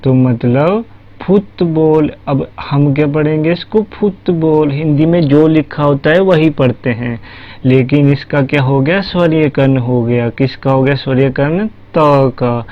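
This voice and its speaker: A man's voice: fairly high pitch, fairly even intonation, unhurried. A man teaching a language lesson, patient and step by step, asking questions and answering them himself. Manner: patient, repeats "ठीक है", asks and answers his own questions. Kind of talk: slow spoken language lesson. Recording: dull lo-fi recording with faint music.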